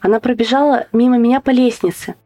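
A woman's voice: a little high, faint music behind, close to an everyday voice. Woman doing a trembling old husband. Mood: fearful. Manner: slow, stammering, hushed. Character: frightened weary old man, trembling husband.

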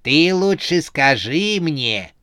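A man voicing a menacing girl dressed as the Snow Maiden, speaking slowly and mockingly in a humorous horror audiobook. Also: a little high, big pitch swings, bright, forceful tone, no room sound, clean studio sound, pitched above the performer's own voice, full character voice. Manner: mocking, slow and drawn out.

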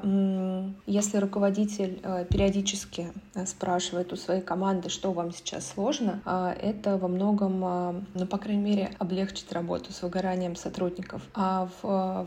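Woman guest, gravelly flat voice, dark tone, measured hesitant talk. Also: medium pitch, slight background noise. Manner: measured, hesitant, many fillers. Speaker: foundation staff guest. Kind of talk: conversational podcast discussion.

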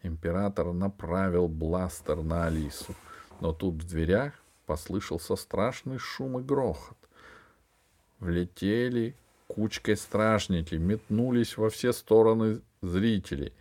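A man's voice: low voice, unhurried, darkish tone. A man reading a children's sci-fi audiobook in a dramatic storytelling manner. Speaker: audiobook reader. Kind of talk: scripted narration.

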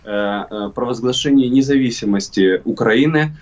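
A middle-aged man from Crimea, with a medium-pitched, darkish voice, offers political commentary as an interview guest. He speaks deliberately and emphatically, with hesitant pauses. The remote call sounds muffled and distant.

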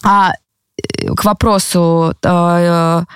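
A woman's voice: on the low side, fairly even intonation, extremely slow, clear, resonant tone, dry recording, studio quality. A woman yoga teacher explaining things in a casual chat as a guest. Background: music.

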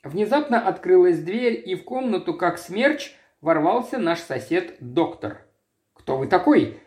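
A man reading a detective story aloud in a plain, steady storytelling manner. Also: high-pitched, unhurried, echoey room. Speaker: audiobook narrator.

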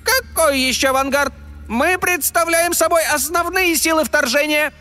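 A man voicing a tiny, quick-tempered male fairy in a piercing falsetto, boastful and irritable. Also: pushed and bright, faint music behind. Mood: indignant. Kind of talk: audiobook character voice.

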